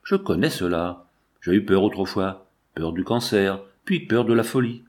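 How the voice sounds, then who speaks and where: A man voicing an aging male scientist, weary and stubborn, speaking in measured, solemn tones. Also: sits low, lively intonation, a little mellow. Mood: reassuring.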